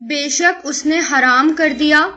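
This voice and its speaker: A woman teaching a Quran lesson. She takes one Arabic word at a time and explains it slowly in Urdu, mixes in English words, and poses rhetorical questions. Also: high-pitched, sharp tone. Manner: asks rhetorical questions to the listener.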